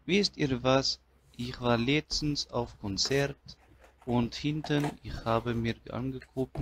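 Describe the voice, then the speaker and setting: A man's voice: mid-range voice, noisy background, close to an everyday voice. A man doing a naive immigrant. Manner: broken grammar, earnest and polite. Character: naive polite immigrant man, broken German. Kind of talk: comedic character monologue.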